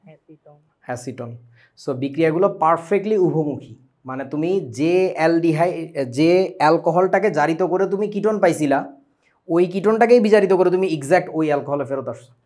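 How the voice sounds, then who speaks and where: Bangladeshi guy teaching chem online, quick and a bit high, keeps quizzing the class. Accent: Bangladeshi Bengali. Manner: lively, asks students questions often, mixes English words. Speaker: chemistry teacher.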